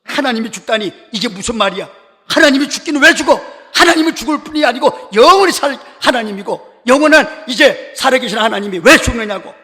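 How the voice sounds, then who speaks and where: A fervent male reformer bursts out in urgent, high-pitched rebuke and prayer, as a preacher acts him out mid-sermon. The voice rings bright against a long church reverb. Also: lively intonation, fairly quick. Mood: rebuking. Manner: rebuking, then fervently praying. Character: agitated middle-aged male reformer, fervent.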